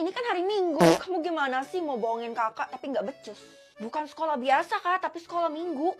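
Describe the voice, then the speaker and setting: Young woman, Jakarta slang accent, high voice, solo comic skits where she plays every part and flips playfully between roles, faint music underneath. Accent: Indonesian, Jakarta slang. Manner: switches quickly between characters, playful and expressive. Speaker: content creator. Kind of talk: comic POV skits, one performer voicing all roles.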